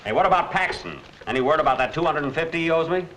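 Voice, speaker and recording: American man, lively pitch, bright tone, broke dithering lawyer, dry wisecracks, flustered stammer, 1940s screwball film banter. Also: very fast, slight background noise. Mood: dry, wry. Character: broke, dithering male lawyer, putting on a brave front. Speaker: lead film actor.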